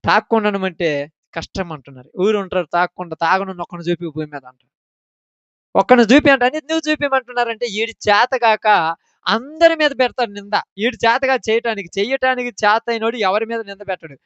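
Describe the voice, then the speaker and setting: A man's voice: sits high, fast talker, a bit bright, smooth, no room sound, dull audio. A man preaching a children's sermon, emphatically asking the children question after question.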